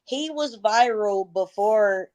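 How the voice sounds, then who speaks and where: A woman's voice: mid-range voice, slow, a little mellow. Woman, thirties, interview guest; blunt, profane, mid-range voice. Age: 30s. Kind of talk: casual interview.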